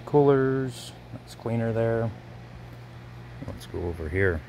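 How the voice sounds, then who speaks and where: A man's voice: mid-range voice, animated, mellow, a little hiss or hum. A man previewing auction lots in a gallery warehouse, listing items one by one in short bursts while filming on a phone. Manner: brisk item-by-item listing. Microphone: handheld phone camera.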